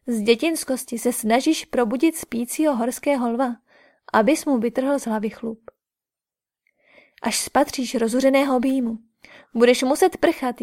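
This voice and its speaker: A woman reading an audiobook, voicing an angry, scornful princess who shouts her threats. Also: a little high, lightly acted. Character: furious proud young princess Draupadi.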